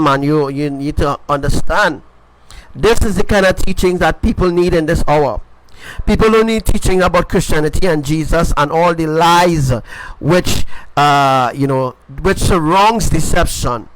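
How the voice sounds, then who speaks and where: Male preacher, high-pitched, informal emphatic sermon with a faint noise floor. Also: poor audio. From Caribbean. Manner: repetitive, emphatic, asks "right?" often.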